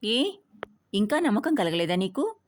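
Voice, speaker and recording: A woman's voice: mid-range voice, sing-song, measured pace, no room sound, pitched above the performer's own voice. A woman doing a cocky young fugitive man. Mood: cocky, hushed. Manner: hushed, brash and teasing.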